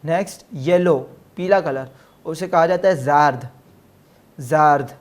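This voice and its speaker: A man giving a recorded language lesson, repeating each word pair slowly for drilling and mixing English words into his explanations. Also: fairly high pitch. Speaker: Persian language teacher.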